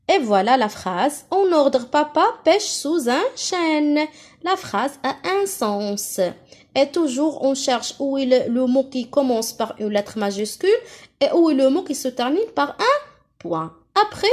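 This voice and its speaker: A woman giving a reading lesson for young children, slowly and clearly articulating words and repeating them for pupils to follow. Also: high-pitched. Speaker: primary school teacher.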